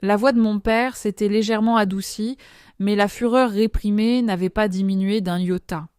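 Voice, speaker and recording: A woman tells a dramatic first-person story at a measured pace, now and then slipping in a filler. Her voice is smooth and clear, recorded close and dry with no room around it. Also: mid-range voice, steady tone, darkish tone, no echo. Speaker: narrator.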